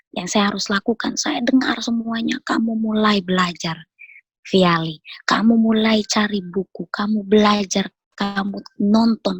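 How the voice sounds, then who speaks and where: An earnest woman tells her personal faith story in relaxed conversation, with a slightly husky voice. She repeats phrases for emphasis and speaks in the middle of the usual pitch range. The recording is dry, with little room sound. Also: no room sound, rough recording. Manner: earnest, animated storytelling with repetitions. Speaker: guest sharing testimony.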